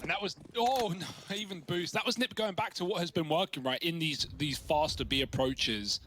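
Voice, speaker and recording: Man, esports play-by-play caster, bright forceful tone, faint noise behind. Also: fairly high pitch, normal speed. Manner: excitable, rising to loud cheers on big plays. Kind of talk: live play-by-play commentary.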